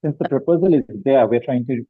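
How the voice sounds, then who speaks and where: A man's voice: medium pitch, fast, no room sound. A man in a focus group meeting explains things hesitantly, with many fillers and restarts, over a video call line that keeps cutting out. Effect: choppy video call line that cuts in and out. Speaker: focus group participant from an education nonprofit. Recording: tinny dry call line.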